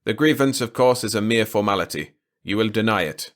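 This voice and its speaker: Man reading as a humorless insect alien official, droning and clipped, low voice. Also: brisk, lightly acted. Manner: droning, clicking, flat. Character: tall insect alien union boss, humorless.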